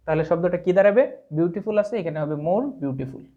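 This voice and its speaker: Fairly quick and lively in intonation, his mellow voice sits high as he teaches English grammar step by step. He has a Sylheti Bengali accent and spells words letter by letter. The recording sounds dull and lo-fi.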